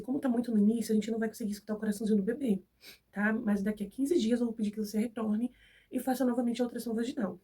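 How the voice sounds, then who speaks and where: A woman's voice: mid-range voice, warm tone, distant mic. A young Brazilian woman with a cold, chatting to her viewers as she tells a personal story and acts out who said what. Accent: Brazilian Portuguese. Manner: chatty, acts out dialogue in the retelling. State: has a cold. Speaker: vlogger.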